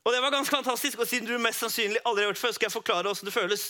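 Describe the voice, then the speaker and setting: A man with a high voice and a bright, forceful tone tells a children's Bible story in the first person. He speaks as one of the disciples and turns to his young listeners now and then. His telling stays lively and dramatic.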